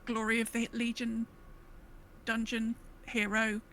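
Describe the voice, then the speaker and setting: This gaming podcast co-host speaks slowly in a voice on the high side. Chatting casually, she wanders off track, breaks into her own sentences, and animates her stories with quoted asides.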